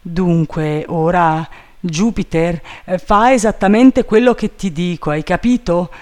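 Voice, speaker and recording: A man voicing an excitable, anxious male gentleman who shouts urgent orders up a tree. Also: high-pitched, measured pace, voice pushed up. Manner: urgent, agitated calling out.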